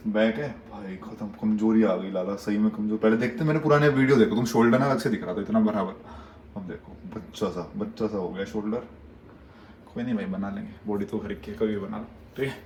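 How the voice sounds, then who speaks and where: A man's voice: on the low side, a little fast, darkish tone, roomy sound, recorded from a distance, a little hiss or hum. Playful young man vlogging on a phone. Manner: playful, teasing, bursts of mock anger. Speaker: travel vlogger. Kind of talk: casual vlog chat. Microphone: phone held in hand.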